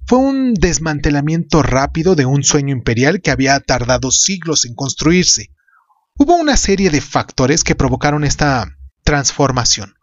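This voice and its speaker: Higher-pitched man narrating history, dull recording. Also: no room sound. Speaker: podcast host.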